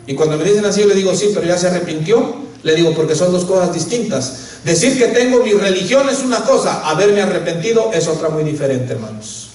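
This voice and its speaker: A man's voice: sits high, animated, quick pace, a little mellow. A man preaching a sermon as a pastor, who keeps addressing the congregation as brother. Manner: preaching, keeps calling listeners "hermano". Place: church. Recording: echoey church hall, voice from far off.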